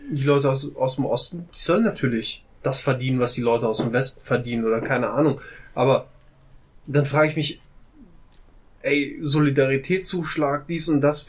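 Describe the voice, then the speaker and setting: A man's voice: fairly high pitch, breathy edge. A man in a casual group discussion who talks loosely, hedges often and ends his phrases with tag questions. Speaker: discussion participant.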